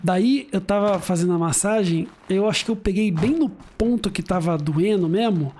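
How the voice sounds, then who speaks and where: A man's voice: sits high, moderate pace, mellow, a little hiss or hum. A man chatting casually while streaming a video game at home, telling stories with slang and frequent laughter. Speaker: gaming streamer. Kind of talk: casual let's-play commentary.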